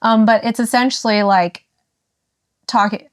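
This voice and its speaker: A young woman speaking as a podcast guest in a candid personal conversation, emotional and halting, full of fillers and restarts. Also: on the high side, fairly even intonation, no room sound, studio quality.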